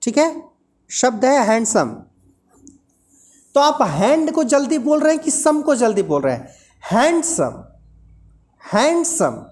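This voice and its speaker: A woman's voice: high voice, very animated, measured pace, long pauses, a little mellow. A woman teaching an English lesson, explaining patiently and repeating example words aloud.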